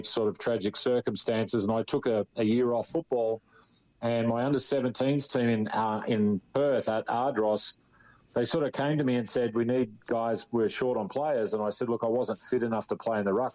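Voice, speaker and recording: A man's voice: medium pitch, a little mellow. Australian man telling stories on a lo-fi recording. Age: 50s. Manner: rambling, with frequent restarts and "you know". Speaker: interview guest, former footballer. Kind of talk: relaxed storytelling.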